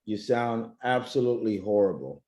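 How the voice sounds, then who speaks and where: A man's voice: lowish voice, expressive, moderate pace, dark tone. A man co-hosting a casual podcast chat, teasing his friend with laughter and repeated phrases. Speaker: podcast co-host.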